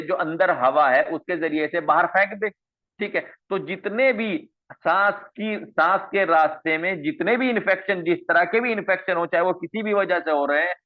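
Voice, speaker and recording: Guy teaching a medical class online, keeps repeating stuff and asking questions, tinny phone-ish audio. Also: on the high side. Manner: repeats key terms and asks rhetorical questions. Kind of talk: online coaching lecture.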